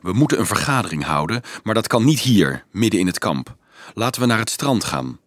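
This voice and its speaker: An earnest teenage boy addressing a crowd of children, halting at first and then pressing and eager, as a man reads him aloud. His delivery rises and falls in a lively way. The storybook recording is dry and close. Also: on the low side, dry recording. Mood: hesitant. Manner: hesitant, then urgent and explaining. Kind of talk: audiobook reading.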